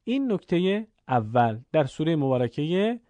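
Mellow-voiced man teaching recitation. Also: on the high side, sing-song, no echo. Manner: explains slowly, then chants Arabic examples. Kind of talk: spoken lesson with chanted examples.

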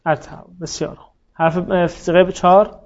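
A man's voice: sits high, flat delivery, darkish tone. Patient male grammar teacher, lo-fi recording. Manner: patient, quizzing and praising students. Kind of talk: classroom lesson, drilling students.

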